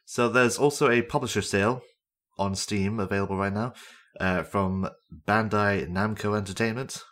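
A young man with a fairly low voice hosts a podcast on his own. He chats casually about games, rambling along with plenty of fillers and the odd self-deprecating aside. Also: fairly even intonation, moderate pace, a bit bright. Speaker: podcast host.

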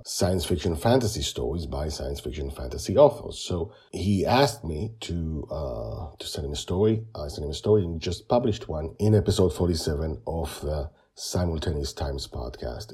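A man hosting a podcast introduction, his voice raspy, worn out and hoarse from the flu. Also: extremely low pitch, dark tone. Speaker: podcast host.

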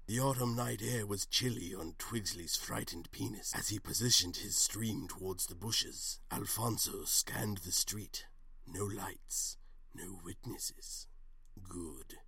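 A man narrating a scripted comedic story in a deadpan, often hushed way, close to the mic. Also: low-pitched, creaky, husky, dry recording.

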